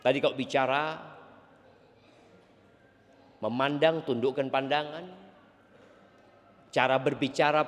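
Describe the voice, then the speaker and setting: Man, preacher, lively swooping delivery, slightly high voice, long hall reverb. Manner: animated, playful asides to the congregation. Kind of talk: sermon.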